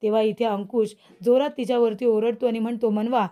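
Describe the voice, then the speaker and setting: A woman narrating a voice-over recap of a TV serial episode, retelling scenes in a steady storytelling flow with recurring linking phrases. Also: on the high side, brisk, highs cut off.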